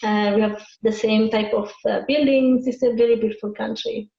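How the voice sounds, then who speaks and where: Eritrean-born woman speaking, flat tone. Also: on the high side, normal speed, creaky. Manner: hesitant, many fillers. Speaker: guest. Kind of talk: interview answers. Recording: echoey muffled video call.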